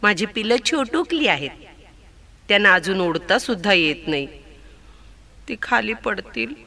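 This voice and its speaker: A man voicing a small, gentle mother sparrow in a children's story, speaking softly and pleading. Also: high-pitched, big pitch swings, a little slow, creaky, full character voice. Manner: soft, pleading. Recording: story recording over background music. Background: background music.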